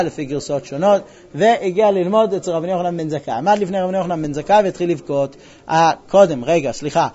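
A man's voice: sits high, dark tone, dull audio. A man teaching a Talmud class, retelling stories with quoted dialogue and quizzing his students. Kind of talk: classroom lesson with storytelling.

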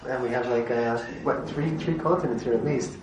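A man from Montreal, Canada leads an informal class, chatting freely, quizzing the group, and laughing often in a mid-range voice that runs a little fast. The room is echoey, with a distant mic and faint noise.

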